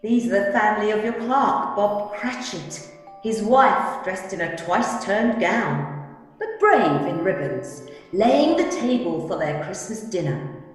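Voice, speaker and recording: A woman's voice: mid-range voice, expressive, measured pace, lightly acted. A woman playing a jolly, commanding giant spirit in a radio play, with declamatory delivery. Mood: grand, kindly. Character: jolly giant Ghost of Christmas Present, hearty and commanding. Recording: very echoey, long reverb, faint music.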